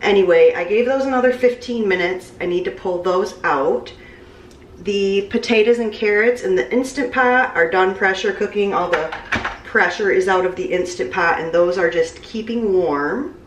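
A woman in her thirties speaks at normal speed in a mid-range voice, heard from a distant mic with slight background noise. Chatty while cooking in her small home kitchen, she moves around for a casual vlog, so the camera mic picks up echo and occasionally loses her.

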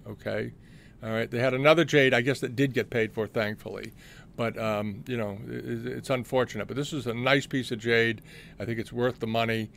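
A man's voice: mid-range voice, creaky, fairly bright tone, a little hiss or hum. A middle-aged man hosting an antiques show, talking casually through auction results with many fillers and restarts.

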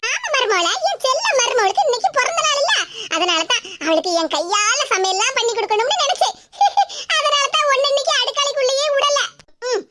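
Woman voicing a doting high-voiced mother-in-law. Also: very animated, a little fast, very noisy. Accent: Tirunelveli Tamil. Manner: sweet, fussing, chuckling. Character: affectionate older mother-in-law, doting and cheerful. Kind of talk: cartoon voice acting.

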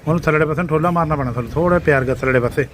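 Higher-pitched Punjabi man amid background noise. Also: very fast. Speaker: vlogger filming family cooking. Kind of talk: casual family chat.

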